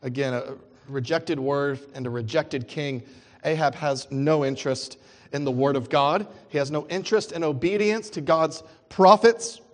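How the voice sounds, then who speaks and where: A man's voice: on the high side, steady tone, normal speed, in a large hall. A man preaching an expository sermon, asking rhetorical questions and explaining scripture. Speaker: pastor.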